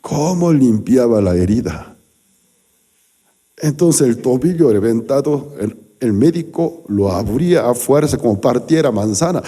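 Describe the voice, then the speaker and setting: A man's voice: mid-range voice, animated, unhurried, dark tone, husky. A male pastor delivering a sermon, telling stories animatedly with acted-out quotes and sound effects.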